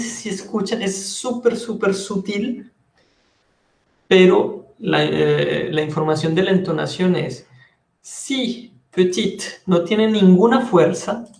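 A man with a Colombian Spanish accent teaching a French lesson, patiently explaining and repeating phrases slowly. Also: high voice, darkish tone, echoey room. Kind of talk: online language lesson.

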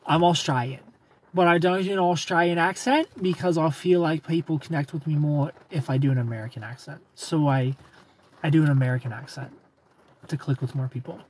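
Parked in his car at night under neon lights, a man in his thirties hosts a playful live stream, reading viewers' comments and laughing often into a phone held close. His voice is fairly high, brisk, and a little mellow, and the recording quality is low.

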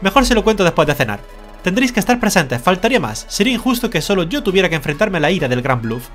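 A streamer from Spain putting on a pompous male parrot in a game, strict and fussy, scolding, lively sing-song delivery, soft music behind. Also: mid-range voice, fast. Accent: Spain Spanish. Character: bossy pompous male parrot guildmaster's aide.

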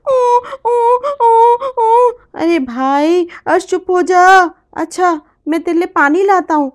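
A woman's voice: very high-pitched, slow, voice pushed up. A woman voicing a young schoolboy who fusses over and coos at his crying baby brother in a children's story. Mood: coaxing. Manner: coaxing, cooing to a crying baby.

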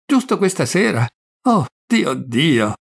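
A man voicing a timid, bewildered young man who speaks hesitantly, with a gravelly, husky voice. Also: on the high side, very animated, exaggerated voice. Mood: dismayed. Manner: hesitant, halting.

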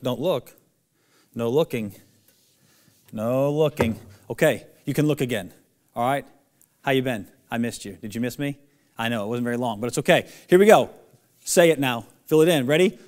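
A man leading a children's Bible lesson to camera, playful and coaxing, reciting slowly with emphasis. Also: medium pitch, a little mellow. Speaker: church children's teacher. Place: church room.

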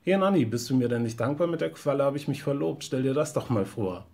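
A man's voice: medium pitch, animated, a little fast, warm tone, natural voice. A man voicing a tense young woman with strained, defiant cheer in a read-aloud short story.

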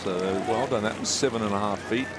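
A man's voice: on the low side, steady tone, fast talker. A man giving live golf commentary on shots and scores. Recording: very noisy outdoor broadcast.

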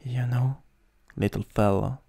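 Improvising an ASMR roleplay as a cruel, sadistic vampire master, a man with an Italian accent speaks slowly in a husky, breathy, mellow mid-range voice with fairly even intonation. Coldly menacing and theatrical, he chuckles and slips into whispers.

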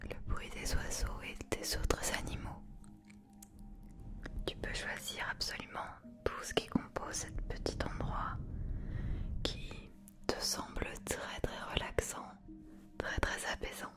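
A young adult woman guiding an ASMR hypnosis in a hushed whisper, soothing and instructing, close to the microphone. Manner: slow, soothing, instructing delivery. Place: small dim indoor room.

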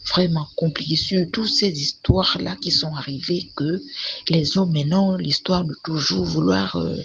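This woman's voice is gravelly and fairly low, with fairly even intonation and normal speed, as she chats her way through a long personal story full of fillers and repetitions. Faint noise sits under the dull, lo-fi recording.

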